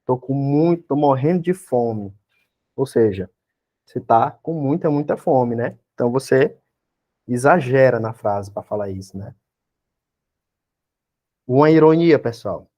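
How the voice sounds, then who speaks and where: Mellow-voiced Brazilian man teaching a class. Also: medium pitch, expressive, a little slow, pauses often. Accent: Brazilian Portuguese. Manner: explains step by step, constantly checks in with tag questions and rhetorical questions. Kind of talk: exam-prep class lecture.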